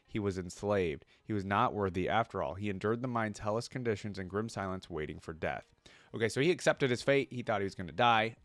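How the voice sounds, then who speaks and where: A lowish-voiced man reads lore aloud and breaks off into informal, thoughtful commentary for a reaction video, pausing to explain and muse. The audio has no room sound.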